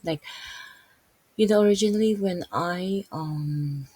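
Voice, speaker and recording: A Filipino-accented woman from the Philippines reads Bible verses and explains them casually, rambling along with lots of fillers, restarts, and self-corrections as a Bible video host. Her voice is fairly low, slow, mellow, and slightly rough, with no echo.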